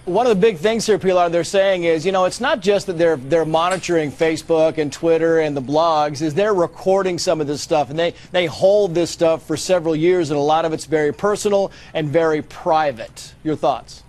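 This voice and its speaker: A man anchoring a cable news segment, speaking in a notably high voice. He presses his guests with brisk, prodding questions, often leaning on fillers and restarts. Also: a little mellow.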